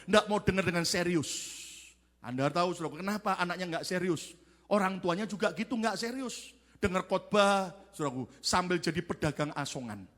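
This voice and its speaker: Male pastor, high, animated sermon delivery, dramatic storyteller, long church-hall reverb. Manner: dramatic storytelling, repeatedly addresses the congregation.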